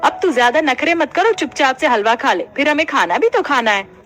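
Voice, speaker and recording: A woman's voice: high-pitched, sing-song, fairly quick, a bit bright. Stingy cartoon mother-in-law, voiced by a woman. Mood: scolding. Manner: scolding, penny-pinching. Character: stingy older mother-in-law, bossy and thrifty. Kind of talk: animated story voice acting.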